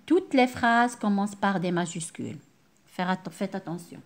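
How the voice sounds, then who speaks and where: A woman giving a remote primary school lesson, explaining slowly, repeating key words and asking the class questions. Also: medium pitch.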